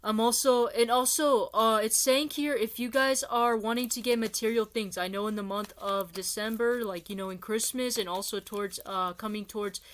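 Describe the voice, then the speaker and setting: A woman's voice: a little high, steady tone, normal speed, few pauses. A woman giving a casual tarot reading, chatty and rambling, talking straight to her viewers as "you guys". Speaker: tarot reader.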